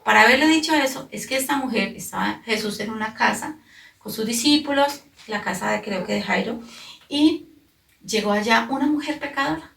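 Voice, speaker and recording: A woman's voice: a little high, normal speed, vocal fry, a bit bright. Earnest Colombian woman preaching to families. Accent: Colombian Spanish. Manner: earnest, explains scripture step by step for families and children. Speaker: children's program preacher. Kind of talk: Bible teaching sermon. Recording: echoey room, distant mic.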